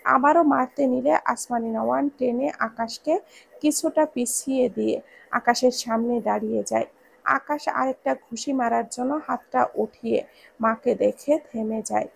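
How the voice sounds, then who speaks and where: A woman's voice: a little high, a little slow, gravelly, breathy edge, low-quality recording. A woman reading a romance story aloud as narrator, raising her voice when she voices the quarrelling characters.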